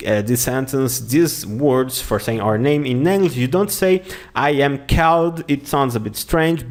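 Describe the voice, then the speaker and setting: Slow, patient male language teacher. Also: medium pitch. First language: Portuguese. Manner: slow, patient, repeats words for pronunciation drills. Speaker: German teacher. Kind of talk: online language lesson.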